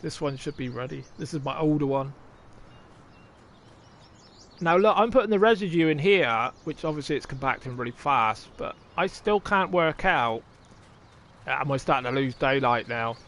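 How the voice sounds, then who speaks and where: The speaker is a man with a mid-range, fairly bright voice, expressive and moderately paced. He's live-streaming a farming game, talking to viewers, thinking out loud and swearing casually as he plays.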